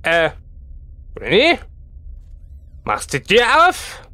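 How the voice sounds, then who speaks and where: A man commentating a horror game as a let's play host, excitable and chatty, talking to the game's characters as he plays. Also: high voice, takes it slowly.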